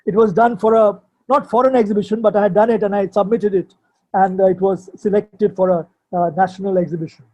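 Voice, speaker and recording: At the online book launch, the older poet and sculptor speaks briskly in a high, mellow voice with a steady tone, captured on dull audio. His explanations are informal and halting, and he frequently repeats himself while searching for the right words.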